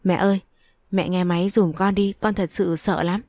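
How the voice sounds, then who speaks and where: A woman voicing a frantic young wife in a read-aloud story, pleading in quick, breathless bursts. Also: on the low side, steady tone, a little mellow, dry recording, studio quality. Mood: desperate pleading.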